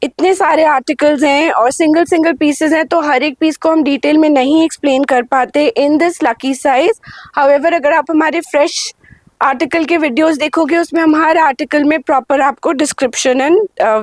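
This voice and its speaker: Woman, sales pitch, measured unhurried delivery, high voice. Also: no echo. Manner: Hindi-English mix, swings between slow lingering prices and quick rundowns. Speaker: boutique sale presenter. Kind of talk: sales pitch showing garments.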